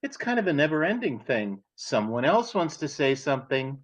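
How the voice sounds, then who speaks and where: A man's voice: on the high side, sing-song, normal speed. A man leaving a playful, mock-boastful recorded message as a caller. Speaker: co-host calling in.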